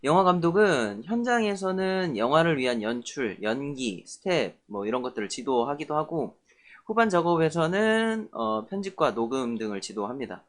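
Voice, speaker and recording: A man's voice: fairly high pitch, very animated, normal speed. A man teaching an online lesson about film crews, in a friendly, chatty way with fillers. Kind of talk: online film class lecture.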